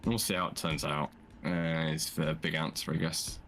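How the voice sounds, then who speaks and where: A man's voice: rumbling low, little pitch movement, moderate pace, fairly bright tone, a little hiss or hum. A man talking casually with friends while playing a building game, giving short dry replies. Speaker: co-player. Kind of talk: casual multiplayer game chat.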